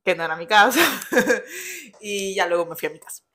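A woman's voice: medium pitch, a little fast, sharp tone. A young woman telling her couple's story in a casual chat, chatty and laughing often as she acts out quoted lines.

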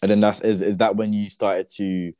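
A man's voice: lowish voice, little pitch movement, normal speed, a little mellow. A young man, hosting a podcast in a casual, conversational way. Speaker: podcast host.

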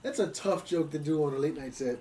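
A man, a comedian co-hosting, chatting casually with short relaxed replies and questions. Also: fairly high pitch, a little fast, far from the mic, rough recording. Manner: relaxed, brief back-channel replies. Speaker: stand-up comedian, co-host. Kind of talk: casual podcast chat.

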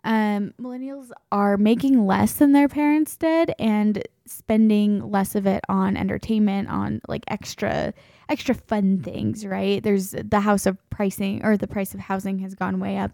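Casting: young female podcast co-host, mid pitch with vocal fry, dry close mic, chatty. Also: fairly even intonation, moderate pace, mellow, dry recording. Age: young adult. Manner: chatty, with frequent fillers and laughs. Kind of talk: casual chat.

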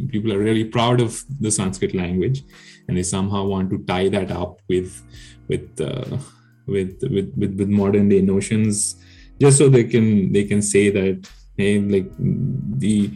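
A guest researcher whose first language is Telugu explains his work in a casual podcast chat. His voice is fairly low, creaky, and mellow, and he speaks hesitantly with lots of fillers and restarts.

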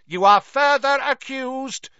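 A man's voice: mid-range voice, sing-song, measured pace, a bit bright, dry recording, voice pushed up. A man voicing a cold, stern official pronouncing judgment in a court, in a dull, dry recording. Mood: commanding. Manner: cold, commanding.

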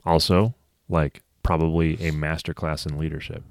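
A man with a deep voice talks football with his co-host in a loose, chatty way. He laughs easily and drifts into asides. The sound is close and dry, with no room around it. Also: little pitch movement, moderate pace, dry recording. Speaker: podcast co-host. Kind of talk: casual sports chat.

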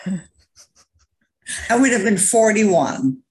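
A woman in her late fifties, originally from the Netherlands, chatting casually as a podcast co-host, blunt and quick to laugh and swear. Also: medium pitch, animated, a little mellow, a little hiss or hum. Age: 50s. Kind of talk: casual chat. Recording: roomy echo.

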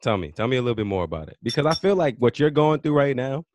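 A man's voice: mid-range voice, big pitch swings, fast talker, a little mellow, no echo. A man in his twenties hosting a podcast, talking earnestly and often repeating words as he interviews a guest. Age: 20s. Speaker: podcast host. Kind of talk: casual interview.

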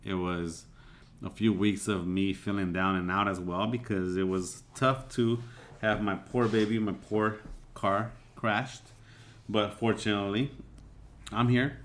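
Male podcast host, lowish voice, easygoing and reflective, chatty with fillers. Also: fairly even intonation, a little slow, slight background noise. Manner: reflective, loose, with many "you know" fillers. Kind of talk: casual podcast chat.

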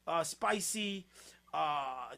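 Excitable, high-voiced male podcast host. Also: very slow, gravelly, a crowd in the background. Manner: excitable, laughing often, loud outbursts. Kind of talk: casual podcast chat.

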